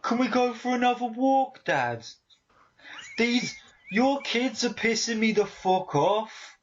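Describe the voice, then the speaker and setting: A high, yapping voice bursts out: a man putting on a hyperactive pet dog with an attempted Birmingham accent, cursing and whining about walks and food. The dull, lo-fi podcast audio takes the edge off. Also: expressive, slow pace, slight background noise, full character voice. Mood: excited. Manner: shouty, crude, whiny complaints. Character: hyperactive swearing pet dog, grumpy and demanding.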